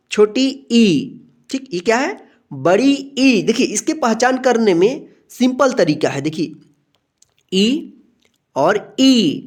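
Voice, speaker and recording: Patiently leading a beginner alphabet lesson, a medium-pitched woman repeats herself often, stretching out every letter sound. She keeps checking in with her students throughout.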